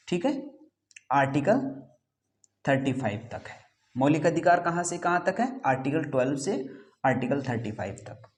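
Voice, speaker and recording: A man's voice: fairly high pitch, a little mellow. A man teaching an exam-prep class, who asks rhetorical questions, answers them himself and repeats key terms. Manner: repeats key terms, says "ठीक है" often.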